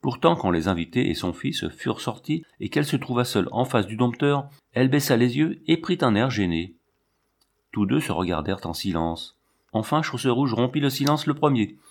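A man reading a novel aloud as an audiobook narrator, in a measured, even manner. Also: mid-range voice. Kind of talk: scripted narration.

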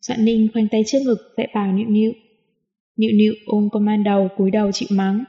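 A woman narrating a novel in an audiobook, with smooth, even storytelling, in a dull recording with a long reverb. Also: mid-range voice, fast talker. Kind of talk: scripted narration.

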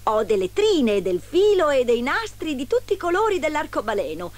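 A woman voicing an old peddler woman, a disguised queen, calling out her wares in shrill, drawn-out cries. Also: very animated. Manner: shrill drawn-out street calls.

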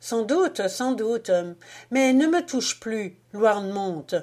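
A woman reading the part of a flustered, proud young woman, with sharp, indignant outbursts, in an audiobook. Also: a little high, expressive, slow, voice pushed up. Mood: hurried.

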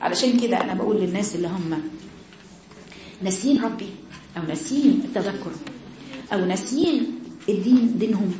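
A woman's voice: medium pitch, a little fast, long pauses, mellow, roomy sound, slight background noise. A woman with an Egyptian Arabic accent giving a religious lesson to women, exhorting her listeners with repeated rhetorical questions. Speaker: religious teacher.

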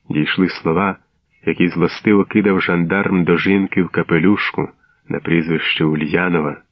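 Man, deep voice, solemn measured story narration, dry sound, dull lo-fi radio recording. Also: no echo. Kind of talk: scripted literary narration.

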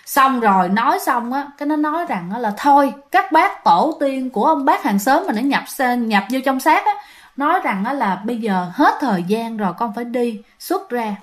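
A woman's voice: fairly high pitch, lively intonation, moderate pace. A woman, telling ghost stories in a chatty way and speaking straight to her listeners. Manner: chatty, addresses listeners directly, many fillers. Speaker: storyteller. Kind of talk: casual ghost-story telling.

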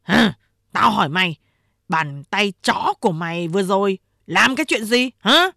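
A woman doing a gruff bullying gang boss. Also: medium pitch, lively intonation, normal speed, sharp tone, no echo, clean studio sound, full character voice. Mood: angry. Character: brash crude gang boss man.

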